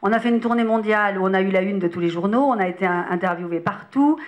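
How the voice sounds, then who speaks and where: A woman being interviewed as an actress, telling a story in a lively way and acting out the lines of dialogue. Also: mid-range voice, fast.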